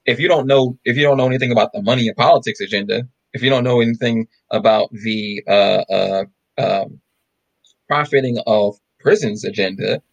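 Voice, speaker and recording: A man's voice: mid-range voice, fairly quick, vocal fry, no echo, dull audio. A man co-hosting a podcast, arguing emphatically with rhetorical questions in a casual discussion. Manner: emphatic, rhetorical, repeats "bro" and "right?". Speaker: podcast co-host.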